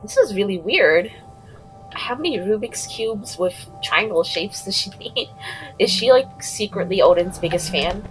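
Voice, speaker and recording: A woman's voice: mid-range voice, expressive, a little slow, faint music behind, rough recording. A woman giving casual let's-play commentary on a game. She is chatty, laughs often and reacts aloud as she plays. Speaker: gaming video host.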